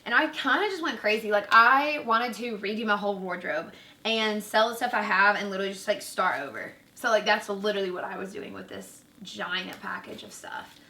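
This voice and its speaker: A woman's voice: mid-range voice, fairly quick, pushed and bright, far from the mic. A young woman vlogger chatting casually while unboxing clothes, bubbly and full of fillers, a bit out of breath. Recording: roomy, from away from the mic.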